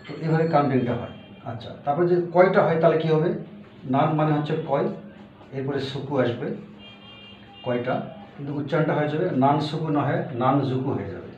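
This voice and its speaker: Guy explaining a lesson, repeats stuff slow, dull lo-fi sound w faint hiss. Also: a little high, lively intonation. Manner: repeats each word slowly, with fillers. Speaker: Japanese language teacher. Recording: echoey room, far from the mic, dull with faint hiss.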